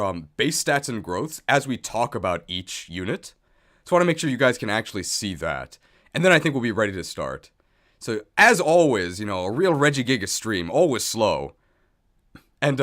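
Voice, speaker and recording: With a mid-range voice and a fairly bright tone, a male streamer and video host talks casually as he gets his livestream set up. He thinks out loud and keeps things jokey, often at his own expense.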